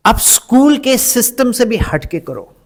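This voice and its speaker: A high-voiced man leads a teacher workshop in a school hall. He talks in an animated, expressive way and keeps acting out quick snippets of dialogue. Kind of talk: lively teacher-training talk.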